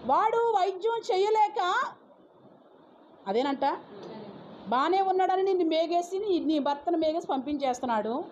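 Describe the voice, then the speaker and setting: In a dull lo-fi recording with faint noise, a pastor's wife with a very high, expressive, somewhat dark voice delivers a dramatic testimony in a sermon. She speaks at a moderate pace with long pauses, scolds her listeners, and acts out quotes as she tells the story.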